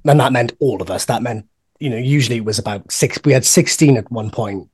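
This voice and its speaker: A man's voice: medium pitch, fairly quick, a little mellow, husky. A man co-hosting a podcast, telling long rambling anecdotes in casual chat. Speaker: podcast co-host.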